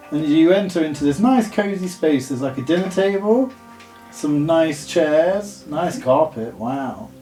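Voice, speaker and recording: A man's voice: on the high side, recorded from a distance. A man narrating a tabletop game as game master, chatty and describing scenes in loose lists.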